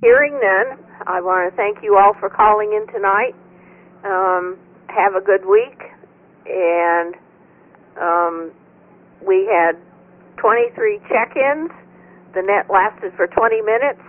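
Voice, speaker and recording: A woman's voice: mid-range voice, takes it slowly, pauses often. A woman hosting an amateur radio net as net control, speaking procedurally over two-way radio. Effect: two-way radio transmission. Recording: tinny narrow-band radio, clear static noise.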